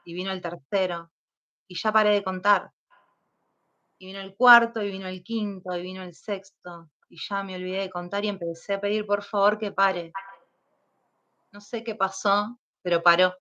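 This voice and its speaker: A woman with an Argentine accent, giving personal testimony as an interview guest, speaking slowly and hesitantly as she recalls painful events. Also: medium pitch, fairly even intonation, bright, forceful tone. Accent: Argentine Spanish. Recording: dull lo-fi sound.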